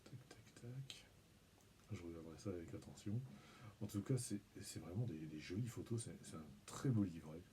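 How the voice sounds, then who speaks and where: Male host, low mellow voice, laid-back rambling unboxing chat, faint room hiss behind. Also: normal speed. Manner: relaxed, rambling, self-mocking, hums and mutters while handling items. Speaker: video channel host. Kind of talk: casual unboxing commentary.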